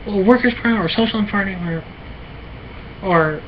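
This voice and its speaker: An American woman talking alone in a halting, repetitive, rambling way, with many fillers and restarts. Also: medium pitch. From United States. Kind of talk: rambling solo monologue. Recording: muffled lo-fi with faint noise.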